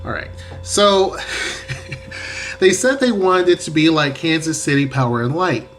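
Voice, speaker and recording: A man's voice: a little high, measured pace, fairly bright tone, faint music behind. A man talking casually to a camera in a vlog, rambling and correcting himself as he goes. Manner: rambling, self-correcting, conversational. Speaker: vlogger. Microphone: camera facing the speaker.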